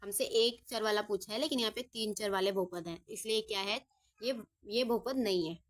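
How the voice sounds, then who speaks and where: In a medium-pitched voice, a little on the fast side, a woman works through maths problems as a step-by-step lesson. She stays patient, answers the questions she herself raises, and repeats "ठीक है" a lot.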